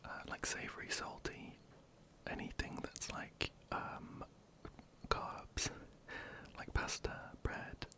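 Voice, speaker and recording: An ASMR creator, whispering softly and hesitantly while answering viewer questions into a close microphone. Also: slow pace. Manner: soft, hesitant, many ums and restarts.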